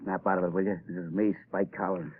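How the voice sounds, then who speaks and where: On a tinny old broadcast recording, an actor in a 1930s radio drama plays a gruff, menacing gangster who sneers through tough-guy slang. His voice is low and husky, delivered flat and fast.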